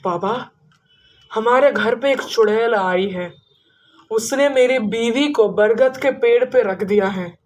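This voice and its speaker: A woman's voice: on the high side, takes it slowly, a little mellow, distant mic. A woman voicing a worried Brahmin husband who respectfully pleads for help.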